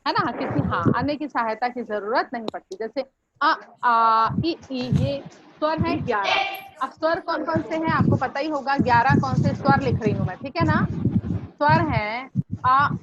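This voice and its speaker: High-voiced woman teaching a class. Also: normal speed. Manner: repeats questions to drill students. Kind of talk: classroom grammar lesson. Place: classroom with blackboard. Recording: dull lo-fi recording with steady noise.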